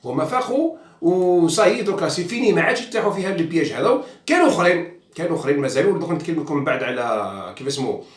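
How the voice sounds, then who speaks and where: An Algerian journalist-commentator rants in a casual monologue in Algerian Arabic, mixing in French, his somewhat high voice animated and very fast. He's outspoken and mocking, with many fillers and restarts, and he's recorded away from the mic in an echoey room.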